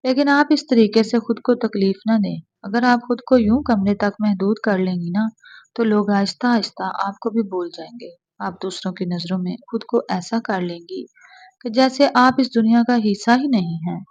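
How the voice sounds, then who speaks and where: A woman's voice: mid-range voice, normal speed, darkish tone, dry recording, highs cut off, natural voice. A woman voicing a caring, earnest young wife in a storybook reading. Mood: coaxing. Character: young married woman, caring but defiant.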